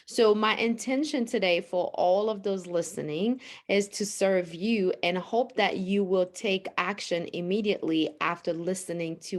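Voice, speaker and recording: A woman from Haiti, a naturopathic physician, answering interview questions in an earnest, explanatory way. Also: lowish voice. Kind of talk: podcast interview.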